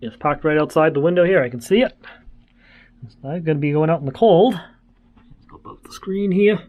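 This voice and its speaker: Male travel vlogger, a touch high in pitch, informal and easygoing, wanders as he talks. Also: normal speed, a little mellow, lo-fi sound. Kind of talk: casual vlog chat.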